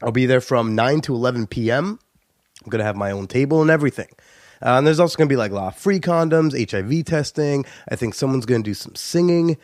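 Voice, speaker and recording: In a clean, echo-free studio recording, a young US podcast host kicks off a casual, joking intro despite a cold that leaves his nose stuffy. His medium-pitched, darkish voice is animated and quick, peppered with "uh".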